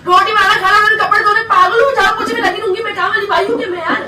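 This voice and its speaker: A young woman vlogger arguing at home, complaining sharply with rapid-fire retorts. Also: very high voice, steady tone. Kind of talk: heated domestic argument. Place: home room. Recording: echoey room from far off, faint noise.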